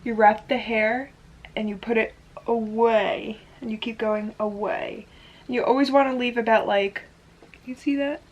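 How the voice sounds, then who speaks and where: A woman's voice: a little high, fairly even intonation, a little slow, lo-fi sound. A woman talking casually through a hair tutorial, chatty and full of "like" fillers. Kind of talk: casual step-by-step demonstration. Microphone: camera in front of her.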